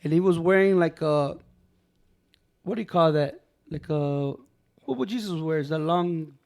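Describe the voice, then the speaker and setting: A man shares a personal story on a podcast at normal speed, his casual, loose speech pitched a bit above the typical male range. Animated throughout, he plays out quoted voices and keeps saying "bro" and "man."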